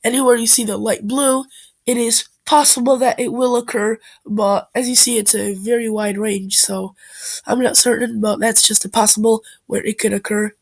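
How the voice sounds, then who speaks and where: A woman's voice: a little high, fairly even intonation, moderate pace, vocal fry, rough recording. A woman with a stuffed-up, nasal voice from a bad cold, informally narrating an amateur weather forecast video.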